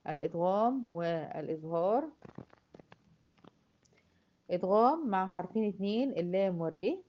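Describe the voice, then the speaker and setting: A woman with an Egyptian accent teaching a Quran recitation class, patiently asking and answering her own questions and repeating each example slowly. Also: medium pitch. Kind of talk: classroom lesson. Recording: dull lo-fi recording.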